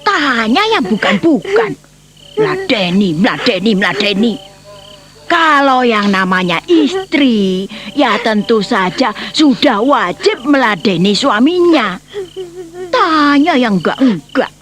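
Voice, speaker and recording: A woman's voice: fairly high pitch, big pitch swings, slow, a bit bright, full character voice. An actress playing a fretful, scolding old village grandmother, in a radio drama over music. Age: older. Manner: scolding, wailing, exclaiming. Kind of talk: Javanese radio drama acting.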